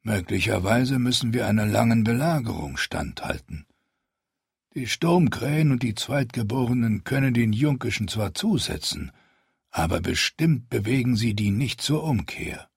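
A dutiful old knight, read by a man, low, measured and respectful, with a husky grain in the voice. The sound is dry and close to the mic. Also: animated, dry recording, exaggerated voice. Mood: cautious. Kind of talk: audiobook character voice.

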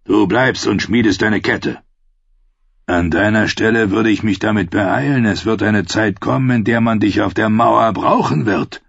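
A cynical old archmaester speaks with dry, unhurried menace, as a male reader puts him on. His voice is low and gravelly with a husky edge. The recording is dull and lo-fi with no room sound. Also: dry recording, heavily acted. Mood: sardonic.

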